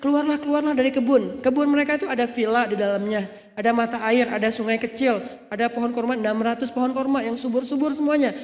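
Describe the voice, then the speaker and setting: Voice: mid-range voice, fast talker. Playful storyteller in an echoey hall. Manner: playful, jokey asides, lively. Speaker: religious storyteller. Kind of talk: casual religious storytelling. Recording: echoey hall with long reverb.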